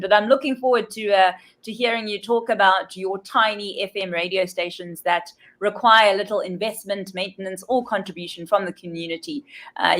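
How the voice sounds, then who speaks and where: A woman's voice: mid-range voice, fairly bright tone. A woman moderating a webinar panel, introducing speakers in an upbeat, chatty way.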